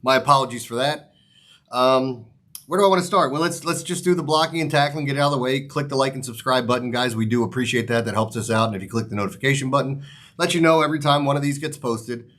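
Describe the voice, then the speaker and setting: A male sports picks host with a mid-pitched voice speaks straight to his viewers in a loose, rambling style. He swears mildly and keeps things informal. His words come out slightly off, like someone talking through a mouth still numb from dental work. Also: fast talker, fairly bright tone. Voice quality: slightly off articulation, as from a numb mouth after the dentist. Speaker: sports betting show host.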